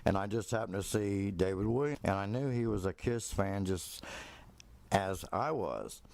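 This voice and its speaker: A man's voice: on the low side, animated, moderate pace, darkish tone, dry recording. A middle-aged man casually telling rambling stories from his past, with lots of fillers and restarts. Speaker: storyteller. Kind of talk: casual spoken reminiscence.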